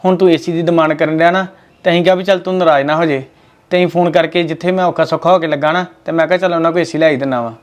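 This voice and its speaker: Brief: quick-talking man, earnest and pleading, fairly high voice. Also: fairly even intonation. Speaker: brother. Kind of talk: family short-film acting.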